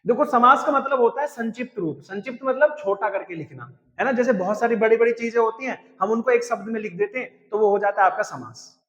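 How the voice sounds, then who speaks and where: A man's voice: sits high, fast, hardly any pauses, fairly bright tone. A young man teaching Hindi grammar for exams, pushy and coaxing, tagging his sentences with "है ना" and "भाई साहब". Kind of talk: energetic exam-prep lesson. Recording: dull lo-fi audio with long reverb.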